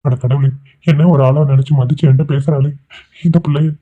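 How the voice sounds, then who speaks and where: A man's voice: medium pitch, flat delivery, brisk, mellow, lightly acted. A man voicing a remorseful, self-pitying middle-aged man who drinks, pleading and lamenting in a cartoon drama. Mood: sorrowful. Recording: tinny phone-like sound.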